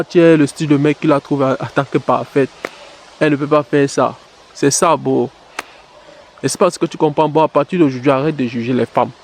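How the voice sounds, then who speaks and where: A man giving blunt dating advice straight to the listener, calling him "bro" and repeating a catchphrase. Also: fairly high pitch. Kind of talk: direct-to-camera advice monologue.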